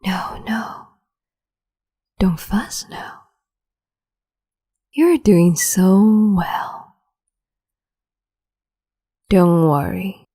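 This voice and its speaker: Whispering and cooing in a soft, breathy, exaggerated voice, a woman plays a cruel young empress of capricious temper in an ASMR roleplay. The mood is cruel doting: she fusses over her pet slowly, her low, mellow tone teasing and condescending as she savors every word.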